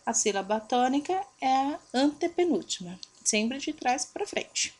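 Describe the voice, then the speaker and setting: A young woman teaches children in a fairly high voice. She walks them through their homework answers patiently, stretching stressed syllables long and loud to show them. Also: expressive, measured pace. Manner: patient, checks in with "tá?" and "ok?". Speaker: primary school teacher.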